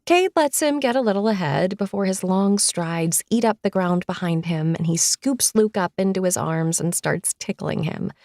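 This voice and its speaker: A woman narrating a first-person romance audiobook in a playful, expressive way. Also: mid-range voice, moderate pace, vocal fry, hardly any pauses, no echo, clean studio sound.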